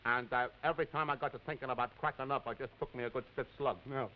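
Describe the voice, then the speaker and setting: A man's voice: mid-range voice, fairly even intonation, quick pace, lightly acted. An actor playing a crude, boastful young male astronaut with an American accent, swaggering and stammering in 1950s television drama. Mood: boastful drunk. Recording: dull lo-fi 1950s TV audio.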